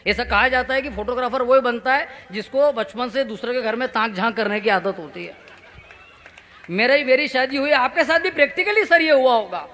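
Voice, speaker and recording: High-voiced man doing stage comedy. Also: normal speed, a little hiss or hum. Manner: animated, acts out quoted voices, playful audience asides. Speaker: stand-up comic poet. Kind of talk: humorous stage storytelling. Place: stage before a live audience. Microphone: stage microphone.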